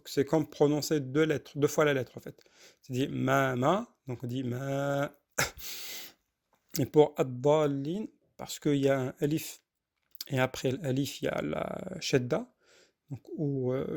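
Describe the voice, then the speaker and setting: Patient man teaching slow recitation. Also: a little high, vocal fry, a little mellow. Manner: slow, patient, repeats and spells out sounds, many hesitations. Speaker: Quran reading teacher. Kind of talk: spoken lesson with recitation.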